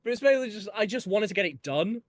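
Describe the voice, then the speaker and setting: A young man from Northern England with a Yorkshire accent, a musician guest, chats casually about his own album. His voice sits high and he talks fast and animatedly. He rambles, with plenty of fillers and restarts.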